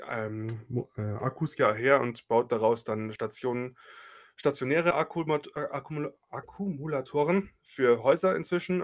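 A man in his late thirties from Germany, co-hosting a casual podcast chat and talking with many fillers and restarts. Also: medium pitch. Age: late 30s. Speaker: podcast co-host.

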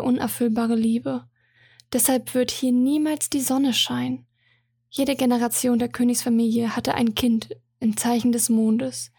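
An earnest young handmaiden and trained killer, read by a woman in a storybook, pleading with her princess in a high, breathy voice. The sound is dry and close. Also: darkish tone, no echo. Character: young loyal female confidante, trained assassin, earnest.

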